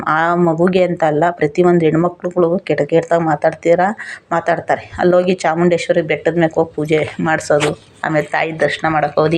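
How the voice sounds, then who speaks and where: A middle-aged woman vlogger with a rural Kannada accent, talking in an impassioned, pleading, repetitive way in an emotional monologue. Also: on the low side.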